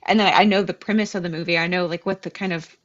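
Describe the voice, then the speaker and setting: A woman's voice: on the low side, steady tone, fast. Woman guest, casual plain talk, muffled lo-fi sound. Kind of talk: casual chat.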